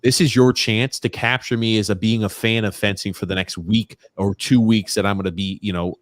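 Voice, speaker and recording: A man's voice: fairly low pitch, steady tone, fairly quick, no room sound, clean studio sound. A man hosting a casual sports talk show, chatty and reading out viewer comments. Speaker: host.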